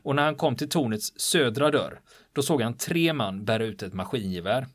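A man's voice: mid-range voice, no echo. A man recounting a wartime history in a casual spoken style, telling it vividly and acting out the quoted lines of the people involved. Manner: animated, vivid retelling with quoted dialogue. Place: on the island where the events happened.

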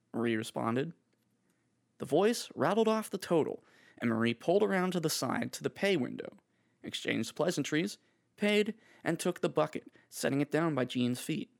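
A man narrating a scripted horror story in a steady, measured reading. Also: on the high side, vocal fry.

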